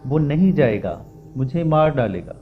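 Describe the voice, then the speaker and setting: A man's voice: fairly high pitch, lively intonation, narrow, tinny audio, a little hiss or hum, lightly acted. A man voicing a frightened young daughter, pleading in fear. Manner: fearful, pleading. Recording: music bed under voice.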